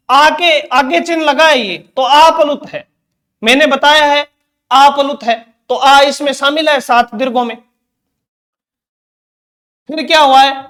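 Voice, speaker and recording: Slow, high-pitched male Hindi teacher. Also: a bit bright. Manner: asks questions then answers them himself, repeats key terms. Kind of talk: exam-prep lecture.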